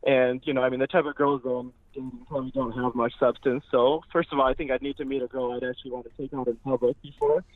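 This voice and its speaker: A man's voice: mid-range voice, little pitch movement, quick pace, hardly any pauses. A man bragging about his lifestyle as a guest, heard over the phone. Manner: boastful, smooth self-promotion. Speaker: guest on a call-in show. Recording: narrow tinny phone line.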